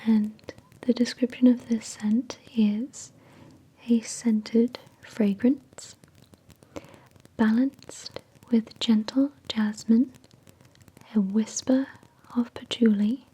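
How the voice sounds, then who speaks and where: A woman hosting an ASMR product review in a soft, breathy whisper, with an unhurried, measured delivery. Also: a little high, flat delivery, rough recording. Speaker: ASMR video host.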